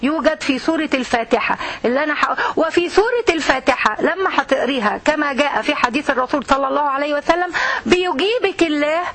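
An Egyptian woman teaches a religious lesson, her voice set high and her words coming quickly. She talks earnestly and straight to the women listening. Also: fairly bright tone. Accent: Egyptian Arabic.

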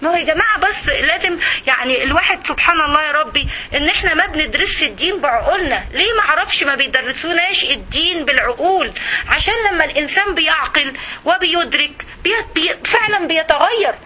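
A woman with an Egyptian accent giving an animated religious talk, acting out everyday scenes as she goes. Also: sits high, fast, low-quality recording. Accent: Egyptian Arabic. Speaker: religious speaker.

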